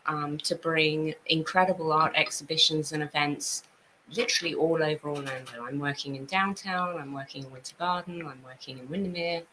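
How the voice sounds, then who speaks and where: A woman's voice: low-pitched, steady tone, brisk, bright, forceful tone, slight background noise, poor audio. A woman from Italy, a guest on a talk show, explaining her work in a friendly, earnest way. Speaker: guest, art events business owner. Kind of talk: casual chat.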